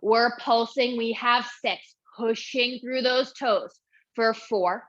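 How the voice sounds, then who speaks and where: A woman's voice: a little high, steady tone, slow, a bit bright. A young woman teaching a Pilates workout, counting reps and cueing moves while she exercises, short of breath. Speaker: Pilates instructor. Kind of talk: guided workout instruction. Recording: dull lo-fi audio.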